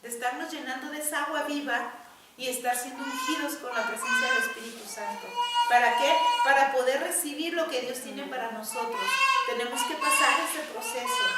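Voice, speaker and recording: A woman's voice: high voice, expressive, moderate pace, heavy background noise. A woman preaching a sermon to her congregation in a church, emphatic and often repeating her words. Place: large church hall. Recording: echoey church hall, mic far off.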